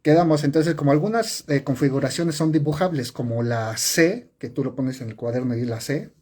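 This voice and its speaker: A man's voice: on the high side, fairly quick, warm tone, slightly rough. A man teaching sign language on a live stream, explaining step by step, repeating and correcting himself with many fillers. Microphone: phone or webcam on a live stream.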